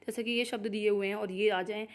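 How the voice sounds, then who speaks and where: A woman's voice: medium pitch, fairly even intonation, brisk. A young Indian woman teaching an exam-prep grammar lesson, explaining step by step and often checking in with "okay". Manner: explanatory, repeats "ठीक है" to check understanding. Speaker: English teacher.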